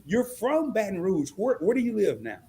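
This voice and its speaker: Lively high-voiced man hosting a stream. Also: moderate pace, husky. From Southeast Arkansas. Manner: animated, storytelling, chatty slang. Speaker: live stream host. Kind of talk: casual interview chat.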